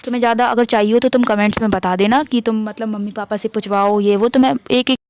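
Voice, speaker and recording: A young woman with a slight lisp, excitedly telling a story to her vlog camera in a chatty, animated way. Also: fairly high pitch, fast, slight background noise. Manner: excited, chatty, quotes her mom in lively voices. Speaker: vlogger.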